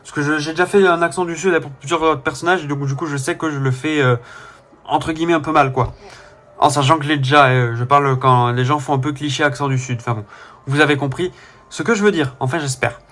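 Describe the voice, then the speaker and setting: A man's voice: fairly high pitch, fairly even intonation, quick pace, a bit bright. A young man with a faint southern French accent, casually commenting on a game he plays, rambling with fillers and self-corrections. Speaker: let's player.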